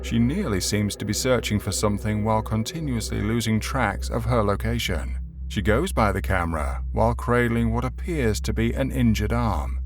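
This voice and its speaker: A man's voice: lowish voice, normal speed, hardly any pauses. A man reading scripted narration for a compilation of video clips. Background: background music.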